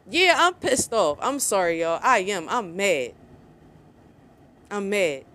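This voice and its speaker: A woman vlogger, giving angry, sarcastic opinion commentary. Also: medium pitch. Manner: heated, sarcastic, mocks others in put-on voices.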